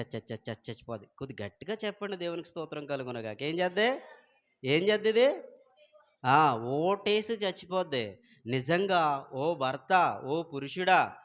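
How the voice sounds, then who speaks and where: Preaching on a Sunday, a man whose voice runs a little high questions the congregation as he swings from booming outbursts to soft side remarks.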